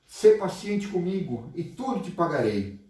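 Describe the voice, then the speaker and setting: A man's voice: high voice, sing-song, unhurried, mellow. A preacher voicing a desperate indebted servant who pleads with his king and keeps repeating himself. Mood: pleading. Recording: echoey hall from far off.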